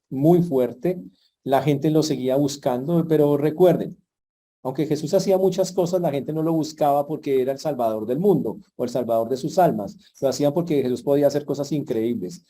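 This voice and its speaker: Dark-voiced male preacher. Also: mid-range voice. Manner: conversational preaching with playful asides. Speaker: pastor. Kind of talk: sermon.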